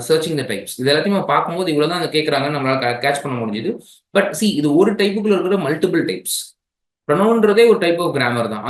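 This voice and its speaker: A man with a Tamil accent teaches an exam-prep grammar class in a slightly higher voice. He keeps checking in with his listeners as he explains. The room is echoey. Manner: mixes languages, checks in with "right?".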